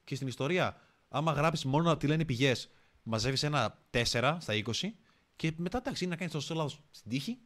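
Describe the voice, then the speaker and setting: A young man, a podcast guest, telling stories in a casual, slangy, animated way. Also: a little high. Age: young adult. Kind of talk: casual storytelling chat.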